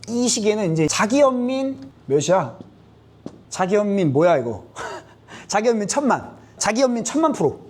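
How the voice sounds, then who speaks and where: A man in his thirties candidly telling a personal story at a whiteboard, acting out the voices of his friends and himself. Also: sits high. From South Korea. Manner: animated, acts out friends' and his own quoted lines. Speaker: YouTuber recounting exam years. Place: indoors in front of a whiteboard.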